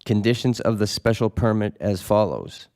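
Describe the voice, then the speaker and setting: Smooth low-voiced man reading formally. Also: animated, normal speed, a little mellow. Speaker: council president reading a filing. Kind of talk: mock-formal reading of an official notice.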